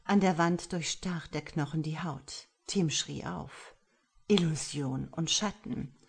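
A woman narrating a dark thriller audiobook in measured, dramatic storytelling. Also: low voice, creaky, slightly rough.

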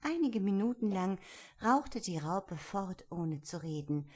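A woman narrating a storybook in a calm, measured reading voice. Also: mid-range voice.

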